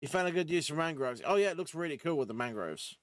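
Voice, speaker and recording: A man's voice: a little high, lively intonation, quick pace. A man rambling casually over his gameplay, talking to himself and his teammates. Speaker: gaming streamer.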